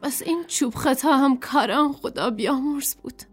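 An actress playing a defiant young woman political prisoner who speaks quietly and earnestly in a radio drama. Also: high voice, natural voice. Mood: gentle.

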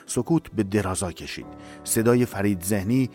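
Low-voiced man narrating a dramatic story. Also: a little mellow, soft background music. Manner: measured, emotive storytelling.

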